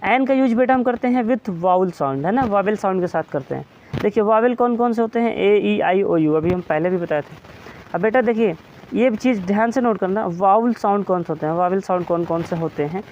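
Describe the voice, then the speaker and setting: A man's voice: sits high, a little fast, a little mellow. A man teaching an English grammar lesson in Hindi. He fondly calls his students "beta", then asks questions and answers them himself. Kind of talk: Hindi-language grammar lecture. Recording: slightly muffled with faint hiss.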